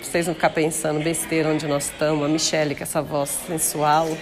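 A woman's voice: low voice, flat delivery, a little fast, crowd noise. A woman with a Brazilian accent hosting a casual gossip podcast, talking in a slangy, teasing way and laughing easily. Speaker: podcast host.

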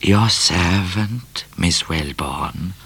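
A man's voice: deep voice, drawn-out words, sharp tone, breathy edge, no echo, full character voice. A man reading a storybook aloud and voicing a suave, superior male Siamese cat with a formal, courtly manner. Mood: sly courtly.

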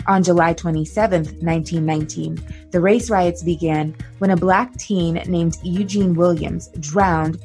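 A woman news presenter reading a scripted report in a measured, even way. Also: on the low side.

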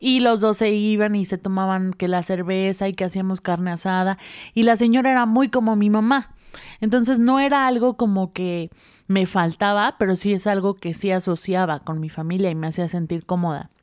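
A young woman with a Mexican accent, co-hosting a casual podcast chat and telling a personal story with animated delivery and frequent laughter. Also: mid-range voice, normal speed, smooth, no echo, studio quality. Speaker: podcast co-host.

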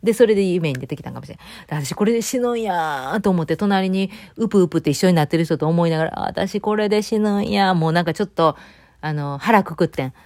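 A middle-aged woman with a Kansai Japanese accent chatting alone at home, telling a rambling story full of fillers. She speaks fast in a slightly low voice, and the recording is close and dry with no room sound. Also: expressive, darkish tone, no room sound. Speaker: vlogger. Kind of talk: casual solo chat.

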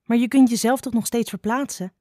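Woman reads as young girl snake: shy, gushing, higher voice, storybook. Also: fairly even intonation, brisk, dark tone, dry recording, clean studio sound, close to an everyday voice. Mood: eager. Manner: gushing, artless.

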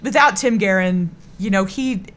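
A middle-aged singer from Texas, USA, with a Texan accent, chats casually as a guest on a radio interview, earnest, effusive, and rambling. Her voice is medium-pitched at a moderate pace, and the recording is very noisy.

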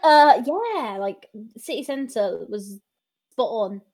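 Girl from bristol, giggly chat, says like a lot, slightly high voice. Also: expressive, slow, darkish tone. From Bristol, England. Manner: giggly, self-conscious, lots of "like". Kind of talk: casual chat.

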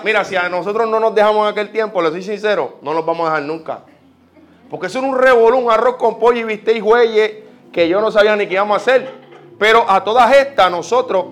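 A man with a Puerto Rican accent preaching a sermon, telling personal stories with lively quoted prayers. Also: sits high. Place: church.

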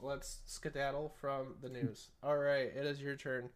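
A man's voice: medium pitch, flat delivery, measured pace. A man co-hosting a casual gaming podcast, giggling often as he talks. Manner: giggly, laughs often mid-sentence. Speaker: podcast co-host.

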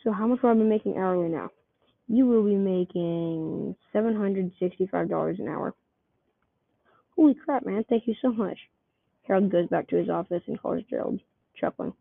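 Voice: mid-range voice, a little fast, vocal fry, no room sound. A person reading a homemade comic story aloud, keeping the characters' voices close to their own. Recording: tinny phone-like dry recording.

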